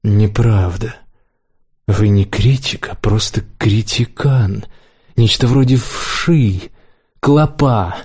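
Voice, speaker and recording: A man's voice: fairly low pitch, takes it slowly, a little mellow, husky. A man voicing an agitated older male acting teacher who is indignant and scolds his student. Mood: scolding. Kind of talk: audiobook character reading.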